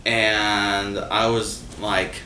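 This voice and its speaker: A man's voice: on the low side, extremely slow. A man hosting, telling his own stories in a casual, rambling way with many fillers and restarts. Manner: rambling, full of fillers and restarts, animated when quoting people. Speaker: host. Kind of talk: casual storytelling monologue. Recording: echoey room from far off, faint noise.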